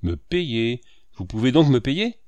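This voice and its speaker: A man's voice: on the low side, expressive, moderate pace, a little mellow, no room sound. A man reading the part of a stern, scornful middle-aged landlord in curt, contemptuous lines.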